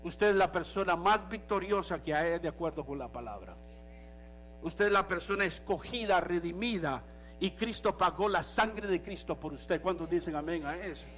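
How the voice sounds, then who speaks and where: A male pastor preaching a sermon in an animated way, slipping in English phrases now and then. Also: high voice, moderate pace, a little hiss or hum.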